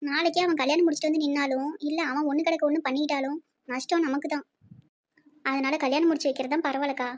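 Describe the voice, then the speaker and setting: A woman voicing a gentle middle-aged village aunt with a Tirunelveli Tamil accent, soft and persuasive. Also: high voice, steady tone, fast talker, pitched below the performer's own voice, natural voice. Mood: coaxing. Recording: muffled lo-fi.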